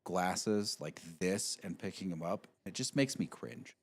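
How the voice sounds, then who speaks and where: A man co-hosting a casual podcast from a cigar lounge, animated and griping about gross habits. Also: sits low, a little slow, gravelly, a little hiss or hum. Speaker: podcast co-host. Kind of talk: casual banter.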